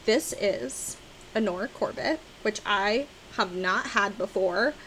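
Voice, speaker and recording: A woman vlogging about cross-stitch, chatting casually to camera and gushing with excitement, now and then breaking into loud exclamations. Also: medium pitch, slow, slight background noise, low-quality recording. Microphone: on-camera mic, seated at desk with ring light.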